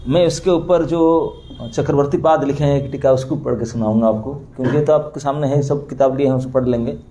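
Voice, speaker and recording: A man's voice: mid-range voice, a little fast. A man giving a storytelling sermon in a temple hall, acting out the characters as he explains scripture to a seated audience. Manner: animated, acts out the characters' crying and pleading with laughter. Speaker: preacher.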